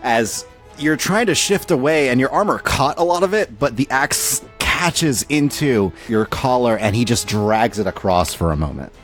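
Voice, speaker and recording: A man narrating and running a tabletop game as game master, telling the story with lively energy. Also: mid-range voice, normal speed, soft background music. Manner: lively storytelling, laughs often.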